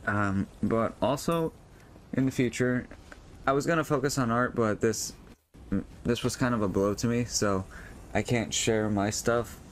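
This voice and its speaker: A man's voice: mid-range voice, measured pace, slight background noise. A young man vlogging in a casual, rambling way, full of fillers and restarts, with a voice he says feels strained. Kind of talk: casual monologue over gameplay.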